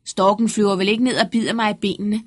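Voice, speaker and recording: A woman's voice: medium pitch, steady tone, dry recording, studio quality, lightly acted. A woman voicing a cheerful poor young male farmer in a storybook reading, calling out gleefully. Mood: resigned. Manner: gleeful shouting.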